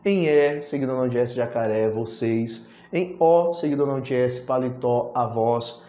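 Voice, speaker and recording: A man's voice: medium pitch, normal speed, dark tone, roomy sound, lo-fi sound. A Brazilian man teaching a grammar lesson, affectionately calling his students "my loves" and drawing out filler sounds. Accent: Brazilian Portuguese.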